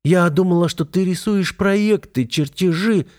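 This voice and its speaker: A man's voice: sits high, unhurried, darkish tone, pitched above the performer's own voice. A man reading an audiobook, voicing a jealous young wife who pleads in a trembling half-whisper. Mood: anxious.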